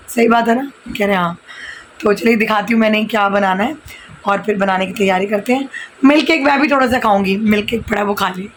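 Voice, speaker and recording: A woman in her thirties, slightly hoarse, chatting casually through a home vlog while cooking in her kitchen, holding her phone in one hand. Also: medium pitch, a little hiss or hum, poor audio. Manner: chatty, mixing Hindi with English phrases. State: hoarse from shouting. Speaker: vlogger and home tutor. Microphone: handheld phone.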